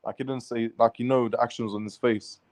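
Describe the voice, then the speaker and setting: A man's voice: medium pitch, fairly even intonation, brisk, darkish tone, dry recording. A man recounting a run-in to his vlog viewers in a casual, swearing, run-on style. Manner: swears freely, restless run-on sentences. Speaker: vlogger. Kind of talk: casual rambling storytelling.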